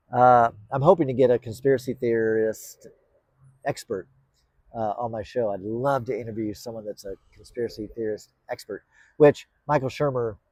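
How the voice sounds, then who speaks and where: A man hosting his own channel as a podcast host talks casually to the camera, rambling and hesitant, full of fillers and restarts. His mid-range voice is a little mellow, with no echo, in casual vlog talk.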